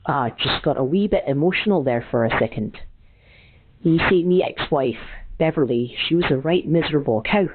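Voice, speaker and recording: An older man with a hoarse voice, chatting folksily on a phone call and calling people laddie. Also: on the high side, lively intonation, normal speed. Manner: folksy, calls everyone laddie. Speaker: caller. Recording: tinny phone line, faint noise.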